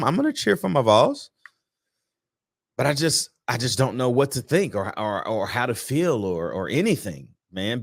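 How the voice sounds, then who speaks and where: A man hosting a sports fan show, talking casually about an upcoming game with slang, repeated words and restarts. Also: medium pitch. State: sleepy, yawning. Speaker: sports podcast host.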